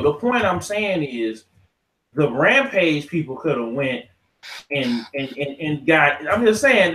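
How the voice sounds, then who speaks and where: The recording is low quality, and the man's mid-range voice has a fairly bright tone. As an American podcast host in a casual movies-and-games debate, he swears, uses slang, argues, interrupts, and repeats points for emphasis.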